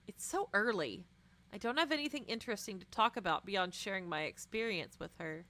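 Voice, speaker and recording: Reading a visual novel out loud, this young woman streamer keeps it expressive and tosses in lively, dramatic, offhand comments. Her voice is medium in pitch.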